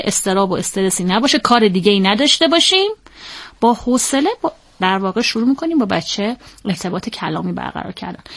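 Woman, parenting expert guest, interview, measured methodical explaining, middling pitch, rephrases as she goes. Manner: measured, methodical, often pauses on fillers to rephrase.

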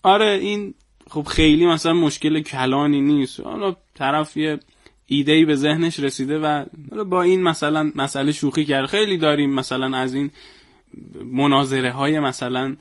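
A man who is a guest poet and humorist, speaking in a measured way and reciting verse with a storyteller's pacing. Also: fairly high pitch, fairly even intonation, no echo. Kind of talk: conversational interview with poetry recitation.

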